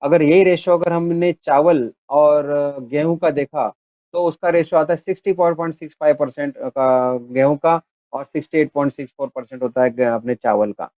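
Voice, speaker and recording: A man's voice: a little high, normal speed, no room sound. A man giving a health talk on millets, explaining step by step and listing items with frequent hesitations. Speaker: health educator. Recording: dry, phone-like narrow sound.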